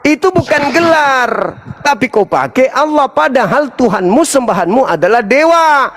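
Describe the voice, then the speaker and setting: A man's voice: extremely high pitch, lively intonation, moderate pace, a bit bright, in a large hall. A male Islamic preacher in a heated debate, insistent and mocking, repeating his points again and again.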